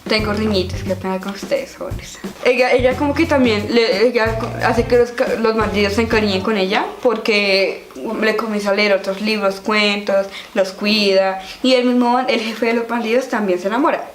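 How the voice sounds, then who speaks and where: A woman's voice: medium pitch, normal speed, hardly any pauses. Chatty young woman vlogging with music behind. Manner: animated, chatty, giggly. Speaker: vlogger reviewing a children's book. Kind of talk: casual book-review vlog. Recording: echoey room with background music.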